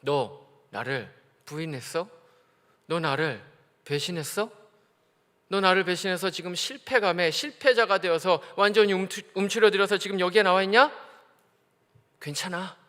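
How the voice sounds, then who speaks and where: Male preacher doing a tender, forgiving Jesus, low and soft, lingering church-hall echo. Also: moderate pace, pauses often. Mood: gentle. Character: gentle forgiving Jesus, grown man, calm.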